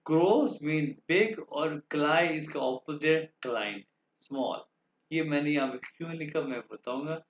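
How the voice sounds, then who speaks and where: A man's voice: a little high, slight background noise. A man teaching German grammar to a class, patient and repetitive, often checking that students understood. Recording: dull, roomy classroom recording.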